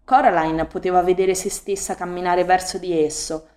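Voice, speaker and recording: Woman calmly narrating a novel. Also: on the low side, moderate pace. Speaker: audiobook reader. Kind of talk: audiobook narration.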